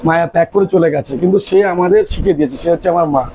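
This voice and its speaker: A man's voice: a little high, fairly even intonation, rapid-fire, dark tone, slightly rough, rough recording. A man with a Bengali accent, a restaurant owner and cook, earnestly explaining his dishes in a casual interview.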